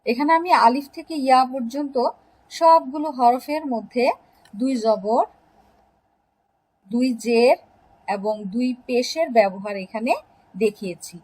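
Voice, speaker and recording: A woman from Bangladesh gives an online lesson to young children. Her voice sits a little high and has a husky edge. She talks gently and deliberately, stretching out each sound in her pronunciation drills. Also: low-quality recording. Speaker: Islamic studies teacher.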